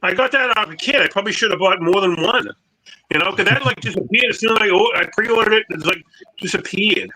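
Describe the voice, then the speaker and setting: A high, bright male voice comes through a phone mic that clips and distorts on every line, even when he talks quietly. He chats casually as co-host of a collectibles show. He rambles and keeps restarting his sentences. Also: fast talker, husky. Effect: clipping, distorted phone mic. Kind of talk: casual online show chat.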